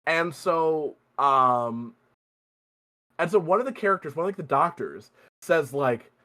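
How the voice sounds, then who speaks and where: A man hosting a podcast, chatting casually about a movie, animated, swearing freely and laughing often. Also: a little high, measured pace. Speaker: podcast host. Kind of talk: casual movie review chat.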